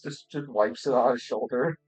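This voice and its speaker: A woman's voice: rumbling low, moderate pace, darkish tone, slightly rough, soft background music. A woman player chatting in a tabletop game, giggly and chatty, often searching for words. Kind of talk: casual chat in a tabletop game.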